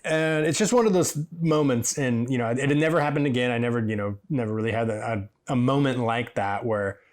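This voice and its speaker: A man's voice: mid-range voice, fairly quick. A man from Washington State, a hairdresser and podcast host, telling stories in a rambling, chatty way, livening up when he quotes people. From Washington State, USA. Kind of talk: casual storytelling monologue.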